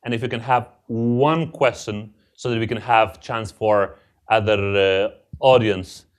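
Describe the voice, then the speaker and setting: A man moderating the question session, polite and a little halting. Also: lowish voice, fairly even intonation.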